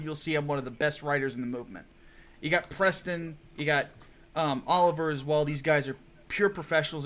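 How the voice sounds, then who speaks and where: Excitable man hosting a comics launch stream. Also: fairly high pitch, a little hiss or hum. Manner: excitable, swears freely, laughs often. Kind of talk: casual livestream chat.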